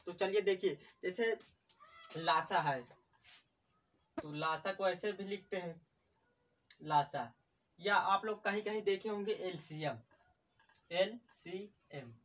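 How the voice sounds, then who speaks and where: A man's voice: high voice, slow, long pauses, fairly bright tone, distant mic. Male math teacher, patient self-quizzing delivery, talks to the class as friends, mic set back from him. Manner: asks questions and answers them himself, repeats key terms; addresses viewers as friends again and again. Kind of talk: classroom-style lesson at a board.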